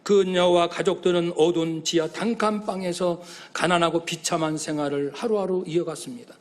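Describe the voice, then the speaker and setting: A middle-aged man preaching a sermon as pastor, animated and heartfelt, sometimes acting out the voices in his story. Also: sits high, moderate pace.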